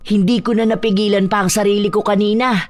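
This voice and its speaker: A woman playing a blunt, sharp-tongued middle-aged aunt who talks in plain street slang and protects her nieces. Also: medium pitch, steady tone, quick pace, soft background music, close to an everyday voice. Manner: street-talking, sharp-tongued, shouts in anger. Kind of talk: Tagalog audio drama acting.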